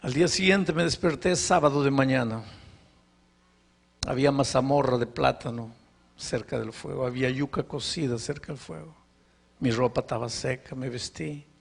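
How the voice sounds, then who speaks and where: Pastor guy telling a story in a sermon, kinda husky voice, gets real dramatic. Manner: dramatic storytelling, rising to high, anguished questions. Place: live sermon before a congregation.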